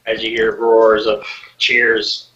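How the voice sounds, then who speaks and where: A man's voice: lowish voice, completely flat delivery, slow pace, pushed and bright. A man narrating as game master in a tabletop game, casual and laughing often, jumping into character voices. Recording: lo-fi echoey mic from a distance.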